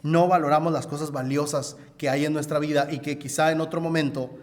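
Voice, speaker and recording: A man's voice: a little high, steady tone, fairly quick. A man preaching a sermon, telling a story and speaking straight to his listeners. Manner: storytelling, addresses listeners directly. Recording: echoey hall reverb.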